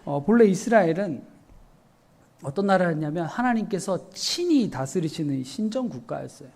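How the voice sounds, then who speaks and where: A male pastor giving an earnest, explanatory evening sermon, often pausing with short fillers. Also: sits high, sing-song, darkish tone, breathy edge. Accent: Korean.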